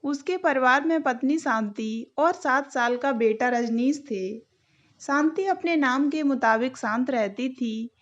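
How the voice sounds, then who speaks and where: A woman narrating a moral story in an even, deliberate way. Her voice is high and her pace unhurried. The recording sounds dull and lo-fi.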